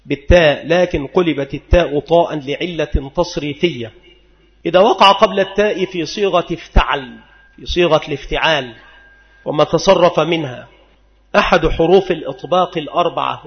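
A man with a fairly high voice lectures on scripture and grammar in a steady classroom manner. He repeats key terms and slows down to spell out word forms for his students. The recording is slightly dull and lo-fi. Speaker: Islamic scholar teaching a creed text. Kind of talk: classroom lecture explaining Quranic verses and grammar.

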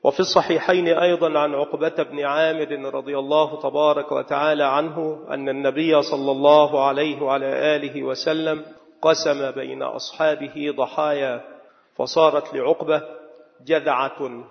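Gravelly-voiced man preaching in an echoing hall. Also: on the high side, little pitch movement. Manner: measured, dictating slowly with repeated words for note-taking. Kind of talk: sermon. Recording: dull echoing hall sound.

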